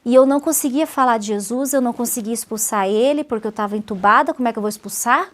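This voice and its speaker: High-voiced woman telling a testimony. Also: fast. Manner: vivid storyteller, acts out others' words softly. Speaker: pastor and guest. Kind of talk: personal testimony in a talk show interview.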